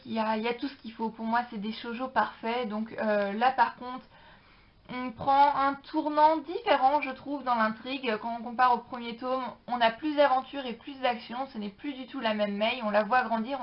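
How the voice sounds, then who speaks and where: A woman with a slightly high voice talks through her latest reads in a casual review vlog. She is chatty and enthusiastic, pausing often mid-sentence. The recording sounds dull and lo-fi. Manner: chatty, enthusiastic, many hesitations. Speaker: book reviewer.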